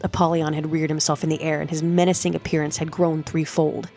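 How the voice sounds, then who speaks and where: A woman narrating a dramatic first-person story with steady, dramatic storytelling. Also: low-pitched, fairly quick. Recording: faint music under the voice.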